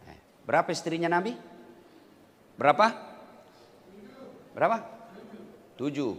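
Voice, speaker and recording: A male preacher with a Makassar-flavored Indonesian accent delivers a joking sermon, quizzing his congregation and acting out little scenes. His voice is a little high, fairly bright and very animated, though a bit slow. The recording has a reverberant hall sound with faint background noise.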